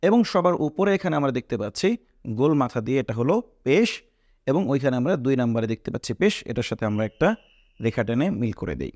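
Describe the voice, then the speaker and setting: A man's voice: medium pitch, big pitch swings, fairly quick, a little mellow, no room sound, studio quality. A man teaching a basic Quran reading class, patiently repeating points and asking students questions in a Bangladeshi Bengali accent. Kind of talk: classroom lesson.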